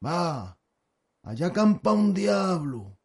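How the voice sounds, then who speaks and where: A slow, rustic old village elder in an audio drama. He drags out his words in a homely country dialect. His voice sits high for a man. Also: sing-song, a little mellow, full character voice. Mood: folksy. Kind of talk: audiobook radio drama acting.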